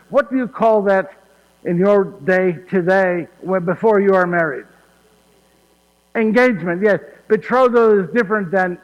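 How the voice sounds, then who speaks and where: A man with a natural, high voice, its highs cut off in the recording, delivers a one-man stage monologue amid hall reverb. He plays warm old Joseph of Nazareth, a fond and talkative storyteller who is folksy, laughs, and often asks "yes?"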